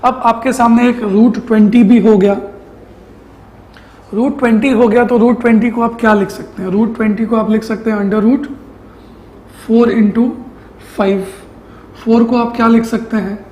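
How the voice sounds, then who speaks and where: A man's voice: very high-pitched, fairly even intonation, moderate pace, pauses often, darkish tone, a little hiss or hum. Male math tutor, classroom lesson, step-by-step questioning delivery, roomy echo. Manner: explains step by step, asking and answering his own questions; mixes English math terms into Hindi speech. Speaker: math teacher.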